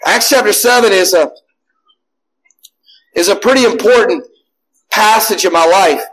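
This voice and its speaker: A man with a very high voice preaching a sermon in his forties. He tells his own story with passion, climbing into shouts and stumbling back over his words as he goes. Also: measured pace, low-quality recording. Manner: impassioned, often rising to a shout, with many restarts. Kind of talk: sermon with personal testimony.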